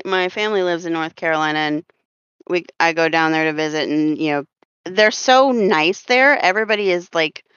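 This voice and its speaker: A woman's voice: fairly low pitch, a bit bright, smooth, dry recording. Woman with a slight Southern drawl. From Florida. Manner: rambling, laughs often, many fillers. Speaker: podcast host. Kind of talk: casual chat. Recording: dull lo-fi dry sound.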